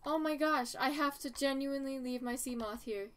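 High-voiced woman streamer, self-mocking. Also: normal speed, fairly bright tone. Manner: self-deprecating, pleading, laughs at herself. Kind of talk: casual gameplay commentary.

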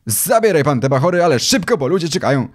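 A man's voice: mid-range voice, very animated, moderate pace, pitched above the performer's own voice, natural voice. A man doing a pushy, irate minigolf owner. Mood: irritated. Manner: loud, impatient scolding. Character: angry adult male minigolf owner, pushy. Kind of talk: audiobook character voice.

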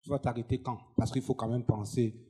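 A man from Burkina Faso, a talk show panelist, pressing a guest with quick questions. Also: medium pitch, flat delivery, dark tone, breathy edge. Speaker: panelist journalist.

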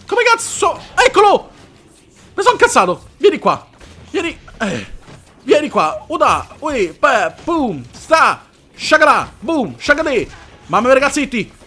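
A very high, bright male voice that swings widely in pitch. He comments on gameplay excitably, swears freely and makes punching sound effects, with faint music underneath. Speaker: gamer.

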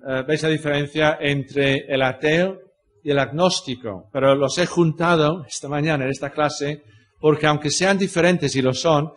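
Pastor type, older man with a British English accent, slightly high voice, explanatory Bible class teacher fond of rhetorical questions. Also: moderate pace. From Britain.

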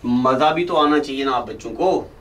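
A male teacher giving a recorded lecture to camera, dictating slowly and repeating points, calling his students "beta". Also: mid-range voice, fairly bright tone, recorded from a distance, rough recording. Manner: slow, deliberate dictation with repetition.

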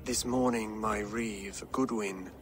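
An actor playing a dignified, guarded Saxon king in a video game, speaking formally in a measured, commanding way. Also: lowish voice, steady tone, music in the background.

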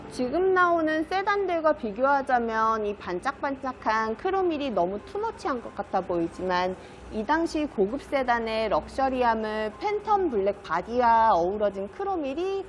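A woman used car dealer giving a polished, polite, promotional sales narration as she presents a car. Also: fairly high pitch.

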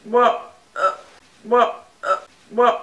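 A woman's voice: fairly high pitch, steady tone, drawn-out words, highs cut off, background noise. A young woman chatting casually and reacting with disgust as she eats gross jelly beans in a small room. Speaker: challenge video host. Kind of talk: casual chat, reaction vlog.

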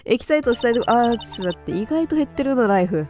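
A woman's voice: on the high side, animated, racing, darkish tone, soft background music. Chatty woman playing a game. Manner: chatty, playful. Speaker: game streamer. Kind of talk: let's-play commentary.

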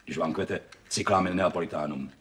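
An actor playing a genial technical manager in a 1980s TV drama, chatty and friendly with his colleagues. His voice is very deep for a man, with a faint hiss of noise behind it. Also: natural voice. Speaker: technical deputy.

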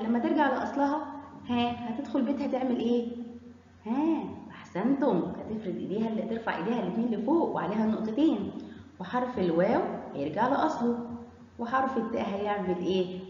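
A woman with an Egyptian accent teaching young children their letters, slowly drawing out each syllable in a sing-song voice. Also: on the high side, animated. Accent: Egyptian Arabic. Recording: echoey hall, dull lo-fi sound.

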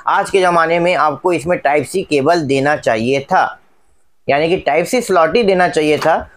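A man's voice: fairly high pitch, moderate pace. A man narrating a casual product unboxing for viewers, chatty and repetitive, often pointing things out. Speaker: tech reviewer.

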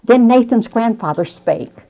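A woman's voice: on the high side, expressive, mellow, poor audio. A woman Bible teacher telling a faith story, with emphatic delivery and asides to listeners. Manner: slow, emphatic storytelling, addresses listeners directly.

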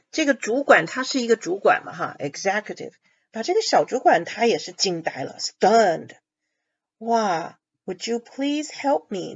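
Woman English teacher, patient explainer, mid-pitched voice, muffled lo-fi sound. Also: husky. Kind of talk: explaining a reading lesson. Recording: dull lo-fi audio.

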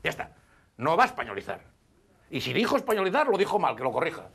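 A man's voice: a little high, wildly swooping pitch, creaky, breathy edge. A man with a Spanish accent arguing his point emphatically on a TV debate panel. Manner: emphatic, deliberate, forceful. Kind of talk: heated political debate.

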